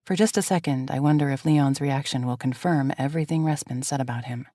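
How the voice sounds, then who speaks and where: A woman reading a fantasy romance audiobook in first person, with a soft, intimate delivery. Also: extremely low pitch, fairly quick, no room sound, clean studio sound. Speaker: audiobook narrator. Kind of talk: scripted first-person narration.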